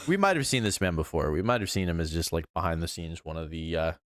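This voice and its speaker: A man's voice: deep voice, expressive, fast, a bit bright, dry recording, studio quality. A man giving casual, sweary reaction commentary as a streamer, with incredulous asides.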